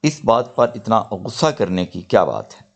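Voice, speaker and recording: Slow-spoken older man with a gravelly voice. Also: lowish voice, very animated. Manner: slow deliberate model sentences, explanatory. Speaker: English teacher. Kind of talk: spoken grammar lesson.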